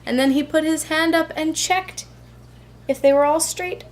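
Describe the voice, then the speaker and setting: A preschool teacher with a high-pitched voice reads a children's storybook aloud, her storytelling expressive, deliberate and rhythmic.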